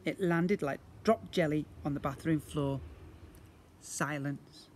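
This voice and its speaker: Slow and fairly high-pitched with a darkish tone, a middle-aged man gives lively storybook narration to young pupils as a teacher would. He is in a brick-walled yard outside, captured on a noisy handheld recording.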